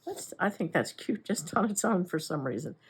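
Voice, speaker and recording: A woman with a somewhat low voice walks through crochet steps in a relaxed, casual tutorial. She talks as she works, unhurried, with chatty little asides and self-corrections. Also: slightly rough. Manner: unhurried, talks while working with her hands. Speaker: crochet instructor. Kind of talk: casual step-by-step craft tutorial.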